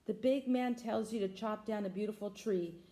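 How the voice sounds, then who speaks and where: A woman's voice: medium pitch, moderate pace, dark tone, natural voice. A woman voicing a grave anteater parent who reproaches the man. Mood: reproachful.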